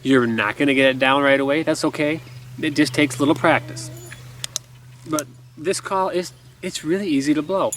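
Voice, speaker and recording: A man's voice: a little high, moderate pace, a bit bright. Casual man explaining, noisy outdoor recording. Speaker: duck call instructor. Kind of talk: casual instructional talk. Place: outdoors in a garden by woods. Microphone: camera a few feet away. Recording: outdoor camera audio with background noise.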